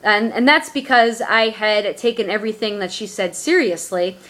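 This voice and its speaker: A young adult woman telling a personal story in her vlog, earnest and halting, with many fillers. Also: medium pitch, a bit bright. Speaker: vlogger.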